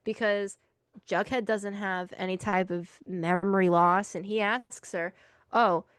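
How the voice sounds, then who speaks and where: A woman's voice: medium pitch, fairly even intonation, unhurried, smooth, no room sound. A woman co-hosting a podcast in casual chat, rambling with many fillers. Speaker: podcast co-host.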